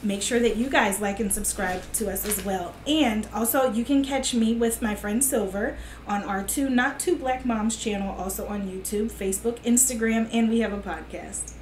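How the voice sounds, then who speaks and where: This middle-aged woman's voice is a little high, keeping a moderate pace with hardly any pauses as she reads a picture book to young listeners and their parents during a children's storytime. She is on a sofa in a small living room, and the audio is echoey with a faint hiss.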